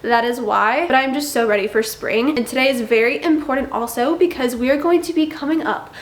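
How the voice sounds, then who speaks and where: In a high voice, a young woman vlogs to the camera, bubbly and chatty, lingering on words for emphasis, still a touch nasal from being congested. The room is echoey, and she is a lifestyle vlogger.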